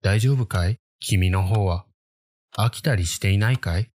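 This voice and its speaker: A man's voice: fairly low pitch, a little slow, a little mellow, no room sound, close to an everyday voice. A man voicing a teasing, secretive boy who tells eerie ghost tales and talks straight to the listener. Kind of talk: conversational ghost story framing.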